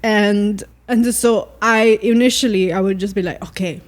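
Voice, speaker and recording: A woman's voice: medium pitch, fairly even intonation, measured pace. Chatty young woman telling a story. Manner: rambling, full of "like" fillers and acted-out quotes. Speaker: podcast guest. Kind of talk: personal storytelling in casual chat.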